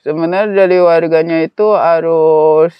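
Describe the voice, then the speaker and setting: A man, a neighborhood security guard, giving short, plain, deadpan answers in a casual interview. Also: a little high, normal speed, smooth, no echo, muffled recording.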